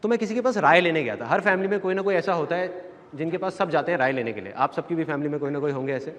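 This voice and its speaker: A man giving a motivational seminar talk, animated storytelling that acts out family members' voices, before a live audience. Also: a little high, fast. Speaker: motivational speaker. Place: large hall with a live audience. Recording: echoey hall with background music.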